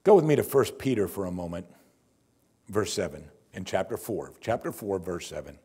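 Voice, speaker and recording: An older man, a pastor, preaching a sermon from the pulpit of a church in a lively, conversational and wry way, on a lapel mic. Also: deep voice, moderate pace, breathy edge.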